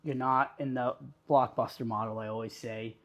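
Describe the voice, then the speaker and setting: Upbeat interview host, man, mid-pitched, friendly run-on phrasing. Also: normal speed. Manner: upbeat, flattering, talks in long run-on lists. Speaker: podcast host. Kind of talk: conversational interview.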